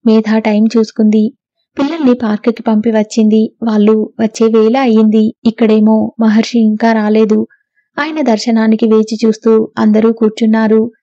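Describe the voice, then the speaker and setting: Woman narrating an audiobook in a steady, mellow voice. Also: fairly high pitch, moderate pace, no echo. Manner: steady, even storytelling. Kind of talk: scripted narration. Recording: dull, dry lo-fi recording.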